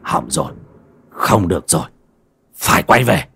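A man voicing a grave old village elder who speaks low and muttering, in a storytelling reading. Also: very animated, normal speed, pushed and bright, breathy edge, full character voice. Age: older.

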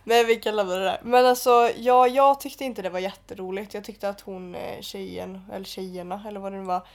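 A young woman co-hosting a podcast, chatting casually and telling stories with lively quoted dialogue. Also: medium pitch. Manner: animated storytelling, acting out quotes. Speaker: podcast co-host. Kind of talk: casual chat.

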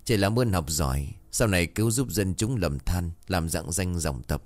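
A man's voice: low-pitched, expressive, normal speed, a little mellow, no echo. A man voicing a stern middle-aged mother who practices magic and scolds her daughter. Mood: scolding.

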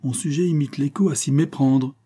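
A man voicing an excitable, scheming middle-aged factory owner who exclaims and boasts in a storybook reading. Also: medium pitch, moderate pace, slightly rough, voice pushed up, lightly acted. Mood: triumphant. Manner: exclamatory, triumphant, declaiming.

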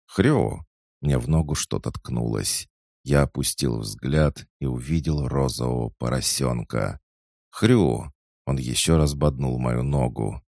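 A man narrating a first-person fantasy audiobook in a measured, steady storytelling manner. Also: very deep voice, vocal fry, dry recording, clean studio sound.

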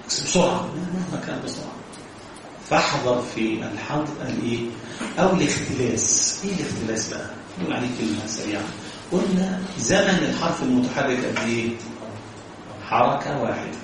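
An Egyptian-accented man teaches recitation rules, asking rhetorical questions and drawing out verses in a slow chant to make his point. His voice sits at an ordinary middle pitch. It rings through a very echoey room, picked up from some distance with faint noise behind. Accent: Egyptian Arabic. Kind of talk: tajweed lesson.

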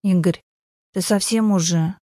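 A woman's voice: on the low side, warm tone, no room sound. A woman voicing a cool, sarcastic young mother brushing off her ex. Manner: dry, sarcastic, unhurried.

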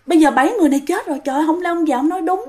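A woman's voice: very high voice, very fast, a little mellow, voice pushed up. A woman with a Southern Vietnamese accent voicing a shaken, bossy middle-aged male site foreman in a spoken ghost story. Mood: alarmed.

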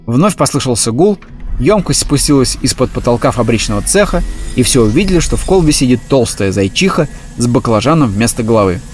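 A man reading a humorous animal story aloud in a steady, even storytelling voice. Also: mid-range voice, fairly quick. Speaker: audiobook reader. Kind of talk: scripted storybook narration.

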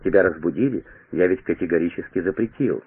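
A man voicing an aging American president who speaks in hurried, insistent questions, heard over a tinny radio broadcast. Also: deep voice, husky, no echo. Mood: anxious. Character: aging male US president, urgent, commanding.

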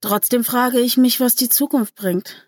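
A woman's voice: on the high side, steady tone, unhurried, a little mellow, no room sound, clean studio sound, voice pushed up. A woman doing a cheeky, musing young lad. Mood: teasing. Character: cheeky, grinning young male gang member.

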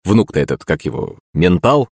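A man plays a grumpy, stubborn old count from an audiobook, muttering low and quiet with a husky edge. He grumbles and mocks, a dry, close voice. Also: very animated, moderate pace, no room sound, heavily acted. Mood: sarcastic. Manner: grumbling, sarcastic.

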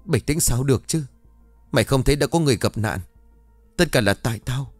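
A man's voice: mid-range voice, expressive, a little fast, no room sound, faint music behind, pitched above the performer's own voice, lightly acted. A man doing a frightened young man in an audiobook, stammering and pleading, his voice rising and falling a lot. The sound is close and dry. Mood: panicked. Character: young man, guilty and panicking.

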